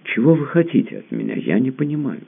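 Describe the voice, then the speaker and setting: A man's voice: mid-range voice, wildly swooping pitch, fast talker, creaky, breathy edge, pitched above the performer's own voice, heavily acted. A man voicing a haughty, cold baroness with a curt, commanding manner. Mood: cool. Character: haughty cold Georgian-born woman, a baroness. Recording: lo-fi phone-like audio.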